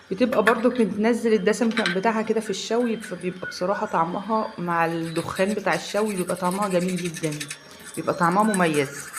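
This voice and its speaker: A woman's voice: mid-range voice, background noise. A woman with an Egyptian Arabic accent, talking viewers through her home cooking in a chatty, frank way, step by step. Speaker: home cook vlogger. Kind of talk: casual cooking talk to viewers.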